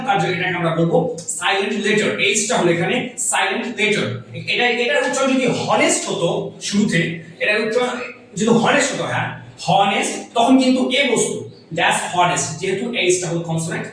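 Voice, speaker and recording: High-voiced teacher in an echoey room. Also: male voice, a bit bright, a little hiss or hum. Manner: repeats words and asks "understood?"; spells out sounds slowly, writing as he talks. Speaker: English teacher. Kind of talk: explaining grammar in a classroom lesson. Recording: very echoey room, voice far from mic.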